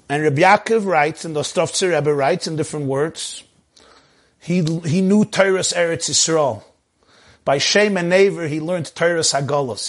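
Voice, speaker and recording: Male rabbi, high voice, animated preaching, emphatic rhetorical questions, Hebrew and phrases. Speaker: rabbi giving a talk. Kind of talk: animated sermon on a video call. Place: video call.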